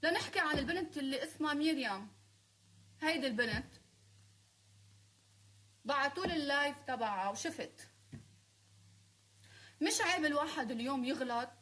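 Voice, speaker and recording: High-pitched Lebanese woman, heated rant. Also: animated, normal speed, pauses often, fairly bright tone. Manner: confrontational, scolding and sarcastic. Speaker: singer speaking on a live stream. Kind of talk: heated live-stream rant.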